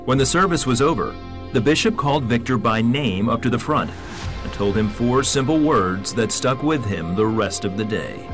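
Measured male documentary narrator. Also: medium pitch, expressive, over music.

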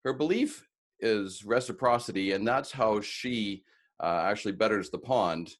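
A man's voice: lowish voice, lively intonation, unhurried. A man hosting a podcast interview, enthusiastic and chatty with some filler words. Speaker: podcast host. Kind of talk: casual interview.

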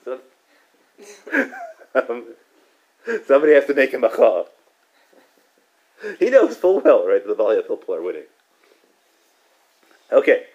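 Expressive and slightly mellow at medium pitch, this Torah teacher's voice comes through dull audio. He guides a casual Talmud class, ending many points with "right?", making quick restarts, and chuckling.

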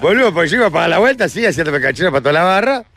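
A man's voice: a little high, big pitch swings, very fast, creaky, fairly bright tone, dry recording. A man, co-hosting a radio show and acting out his story animatedly in a casual chat. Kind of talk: casual chat among friends.

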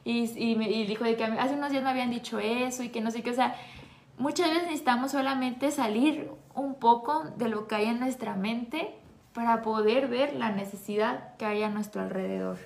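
A woman co-hosting a faith podcast, telling stories in a lively way and repeating words for emphasis. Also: fairly high pitch, brisk, vocal fry. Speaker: podcast co-host. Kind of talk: casual faith podcast chat and storytelling.

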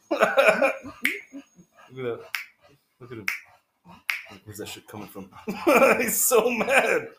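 A man co-hosting a casual podcast, swearing and laughing, swinging from loud bursts to low mutters. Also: wildly swooping pitch, slow pace, pauses often, noisy background. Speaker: podcast co-host.

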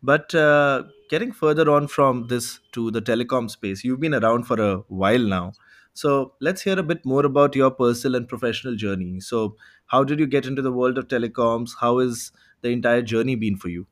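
A podcast host with a mid-range voice speaks at a normal pace, steering the conversation along. His introductions are polished and welcoming, and he says "you know" a lot.

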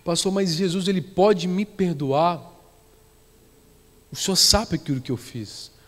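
A man's voice: high-pitched, a little slow, big-room sound. A Brazilian-accented man voicing a remorseful older woman who anxiously pleads to be forgiven, slightly raising his voice. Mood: pleading. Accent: Brazilian Portuguese.

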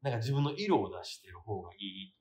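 A man speaking with a Kansai accent as a guest MC in a casual podcast chat, animated and easygoing. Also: lowish voice, a little fast. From Osaka, Japan. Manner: animated, talks in Kansai dialect with easy laughs.

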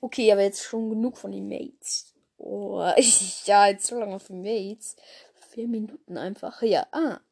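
A young woman hosting a fan podcast, chatting casually and gushing excitedly as she reads through a list. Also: mid-range voice, a little slow, gravelly, slightly rough. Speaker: podcast host. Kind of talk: casual fan chat reading from a wiki.

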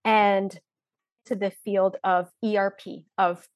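As a guest on a podcast, a forties-aged woman from Poland who mentors breathwork and mindset talks openly and reflectively, with frequent fillers, in a casual interview. Her mid-range, darkish voice moves slowly with little pitch movement. The recording is dry and studio-clean.

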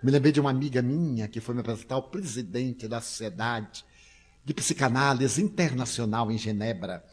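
Husky older man telling funny anecdotes. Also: medium pitch, normal speed. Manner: animated, laughing while telling. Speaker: lecturer. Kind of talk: humorous anecdotal talk.

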